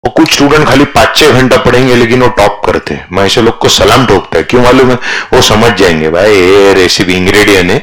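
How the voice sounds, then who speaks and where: A low-voiced man teaches a commerce class with energy. He keeps coaxing his students to call out answers and mixes Hindi with English as he lectures. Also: fast talker, few pauses, a bit bright, low-quality recording.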